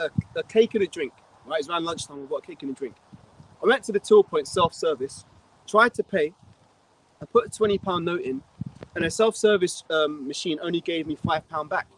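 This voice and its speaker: A London man preaches on a city street in a fairly high voice. He tells rambling stories bluntly and swears freely. Faint street noise sits behind him. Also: brisk, low-quality recording. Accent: London English. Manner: blunt, profane, rambling storyteller. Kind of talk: outdoor religious talk, anecdote.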